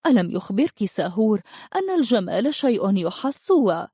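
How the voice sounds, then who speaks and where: Told by a woman reading a storybook, a wise magical lady speaks slowly and with calm assurance. Her tone is mellow and warm, offering steady counsel. The recording is dry and close. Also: medium pitch, slightly rough, no echo.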